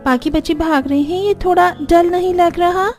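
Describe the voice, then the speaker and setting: A nosy young friend teases bluntly in a bright, high voice, as a woman voices her for a cartoon. Faint music plays underneath. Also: normal speed. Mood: teasing.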